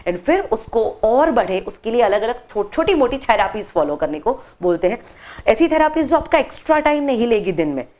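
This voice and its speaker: Animated woman explaining on a talk show. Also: on the high side, normal speed, hardly any pauses. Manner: expressive, acts out quoted voices while telling a story. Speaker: meditation workshop trainer, guest. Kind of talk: TV interview, animated storytelling.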